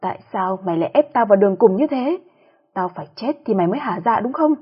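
A woman voicing a bitter young mistress who hurls accusations, with a breathy voice. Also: medium pitch, lively intonation, muffled recording. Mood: accusing. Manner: accusing, loud and fast.

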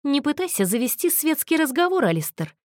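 A woman's voice: high-pitched, sing-song, fairly quick, no room sound, studio quality, pitched above the performer's own voice. A woman playing a snarling, bitter young man. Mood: furious, accusing. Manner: snarling, raised, accusing voice.

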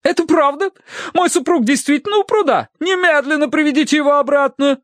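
A man's voice: very animated, normal speed, no room sound, clean studio sound. A man voicing a flustered, hysterical middle-aged Victorian lady who frets and scolds melodramatically. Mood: fretful, scolding. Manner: shrill, fussy, melodramatic.

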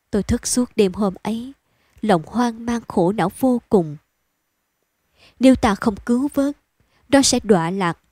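A woman reading a bedtime story aloud in a calm, even storytelling manner. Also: mid-range voice, dry recording.

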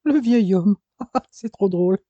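A man's voice: high-pitched, slow, mellow, dry recording, highs cut off, pitched above the performer's own voice. A man voicing a teasing, bossy elderly grandmother in an audiobook, scolding her husband. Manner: mocking, scolding.

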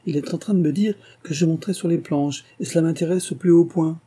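A man's voice: a little high, fast, dark tone, slightly rough, pitched above the performer's own voice. A man reading an audiobook, voicing a fussy, chattering elderly society marquise in a raised voice. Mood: eager.

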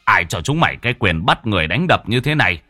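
A man's voice: on the low side, very animated, fast talker, pushed and bright, no echo, soft background music, full character voice. A man voicing a stern village elder who barks orders at a crowd. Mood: commanding. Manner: barking orders.

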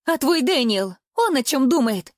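A woman's voice: high voice, sing-song, moderate pace, no echo, studio quality, voice pushed up. A woman voicing an anxious, overprotective middle-aged mother who scolds her daughter in an audiobook. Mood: accusing.

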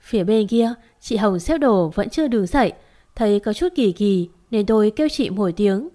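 A woman's voice: medium pitch, animated, normal speed, mellow. A woman telling a first-person horror story in a dramatic, tense way.

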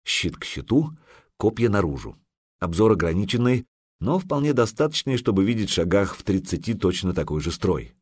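Guy reading an audiobook, lowish voice, dry close mic. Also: moderate pace, husky, dry recording. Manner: lively, expressive storytelling. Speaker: narrator. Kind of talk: audiobook narration.

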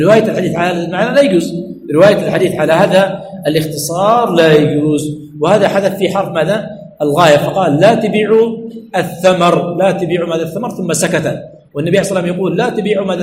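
A man sheikh giving a classroom lesson on hadith, posing rhetorical questions and answering them himself, repeating key words. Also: high-pitched. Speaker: sheikh teaching hadith studies. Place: religious study center classroom. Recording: echoey room with faint ambient noise.

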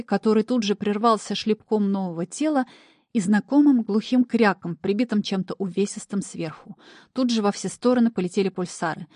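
A woman narrating a first-person story in an expressive, lively way. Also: medium pitch, dry recording, clean studio sound. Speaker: audiobook narrator.

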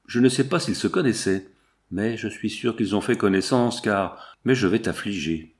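A man's voice: fairly low pitch, moderate pace, lightly acted. A man voicing a stern aristocratic father in an audiobook, firm and indignant as he lectures his daughter. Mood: grave. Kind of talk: audiobook character voice.

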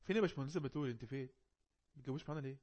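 A man with an Egyptian Arabic accent, teaching an online English lesson. He reads the English text slowly and explains it quickly in Arabic. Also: medium pitch, a little mellow, highs cut off.

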